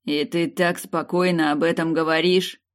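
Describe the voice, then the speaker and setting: An audiobook reader voicing a stern, wounded male dragon lord who speaks heavily and gravely. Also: on the high side, steady tone, normal speed. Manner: grave, heavy-voiced.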